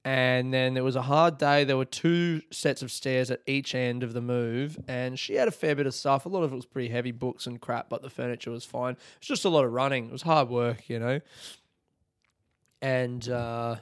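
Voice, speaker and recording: A man's voice: medium pitch, fairly even intonation, moderate pace, clean tone, no echo, clean studio sound. A young Australian man hosting a casual solo podcast, rambling and swearing with enthusiasm. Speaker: podcast host.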